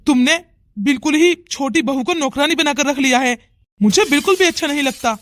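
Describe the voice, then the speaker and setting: A woman's voice: sits high, fairly quick, lightly acted. A woman voicing a stern, demanding young husband in a cartoon who scolds insistently. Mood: scolding. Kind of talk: cartoon voice acting.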